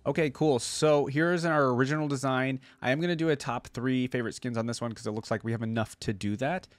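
Quick and mid-range, this man's voice comes through with no echo. He's a reaction video creator in his thirties, casually chatting and thinking aloud into a close desk microphone with a headset.

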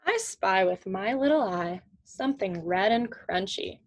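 With slight background noise, a young adult woman in her twenties reads a picture book aloud for children in a small home room with shelves. Her mid-range voice is animated and unhurried, and she keeps things simple and teacherly, asking questions.

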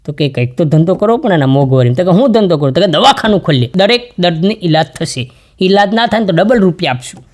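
A man with a Charotar Gujarati accent telling folksy jokes on stage, switching into high, shouty voices for his characters. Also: animated, fast. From Gujarat, India. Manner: acts out characters with sudden jumps to a high shouting voice. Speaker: stand-up comedian. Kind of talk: folksy joke-telling to a live audience.

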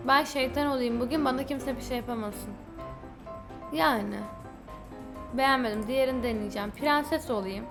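A high-voiced young woman commentating a story game, chatty and quick to react loudly as she speaks straight to her viewers. Clear game music runs under her voice the whole time. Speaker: gaming YouTuber.

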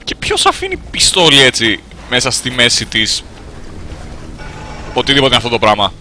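Lively, bright-voiced sarcastic male commentator. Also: a little hiss or hum. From Greece. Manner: jokey, sarcastic running monologue, jumps to high squeals when startled. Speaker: game commentator. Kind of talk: comedic gameplay commentary in character.

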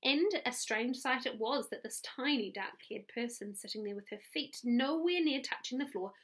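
A woman's voice: a little high, moderate pace. A woman with a New Zealand accent reading a chapter book aloud to children as their teacher, friendly and stopping for little asides.

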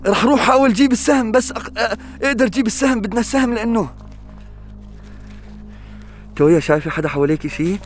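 Frantic high-voiced man with a Levantine accent. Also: quick pace, pauses often, faint music behind. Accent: Levantine Arabic. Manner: frantic, urgent calling out and praying under his breath. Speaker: adventure vlogger. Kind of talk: staged adventure vlog narration.

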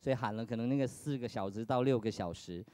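A man, chatting casually and softly about his early acting jobs, his phrases trailing off. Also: medium pitch, fast talker, dry recording. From Singapore. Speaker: musical theatre actor. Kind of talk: casual chat.

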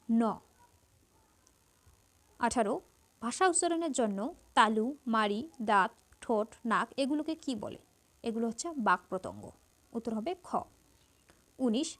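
A woman teacher with a Bangladeshi Bengali accent, steadily reading out numbered quiz questions and explaining each answer. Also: high-pitched. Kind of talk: exam-prep lesson, reading quiz answers.

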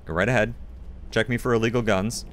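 A man's voice: lowish voice, steady tone, a little fast, a bit bright. A man hosting a let's play video, giving a chatty running commentary with self-mocking asides. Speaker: gaming video host. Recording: commentary over game audio with music.

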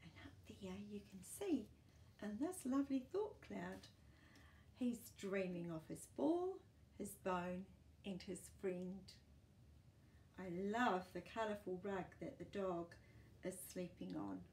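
A mid-range, darkish, animated voice marks this storytime host, a New Zealand-accented woman in her sixties who takes things slowly. She reads a picture book aloud to young children in a small, book-filled indoor room, expressively and with chatty asides and questions. A little hiss or hum sits underneath.

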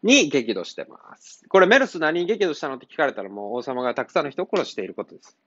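Lively male tutor, dry lo-fi sound. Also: on the high side, quick pace, dry recording. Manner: casual, blunt, teasing asides. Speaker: cram school teacher. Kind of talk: explaining literature exercise answers. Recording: dull lo-fi sound.

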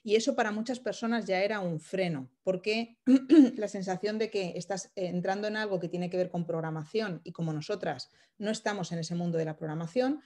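A woman's voice: mid-range voice, a little fast, warm tone. A woman in her thirties on a video call, explaining things informally and thoughtfully, with many hesitations and restarts. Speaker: speaker at an online workshop. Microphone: video call, laptop camera close up.

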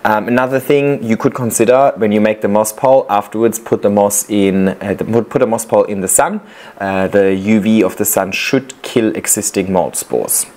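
Slight background noise accompanies a man with a somewhat low voice, speaking at normal speed as he comments on viewers' plant videos. Relaxed and chatty, he hands out practical tips, slipping in fillers and restarting as he drifts along.

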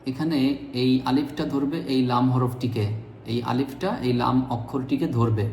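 A man teaching Quran reading, sounding out each word syllable by syllable and repeating them patiently in a slow lesson. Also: mid-range voice, a little mellow. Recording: echoey room with faint background noise.

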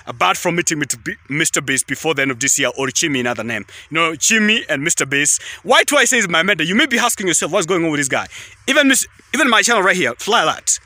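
A young Kenyan vlogger whose first language is Kalenjin speaks with a Kenyan accent, his voice on the high side and sharp, with no room sound. Holding his phone at arm's length out in a tea field, he rambles casually through a selfie vlog, repeating himself often and constantly saying "guys."

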